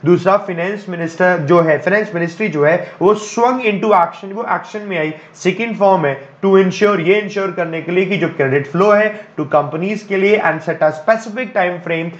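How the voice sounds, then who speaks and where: Hindi-English teacher, slow and gentle. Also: male voice, high-pitched, highs cut off. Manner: explains in Hindi mixed with English, coaxing students to reply; speaking slowly and gently. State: has a headache. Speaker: English teacher for bank exams. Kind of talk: online class lecture.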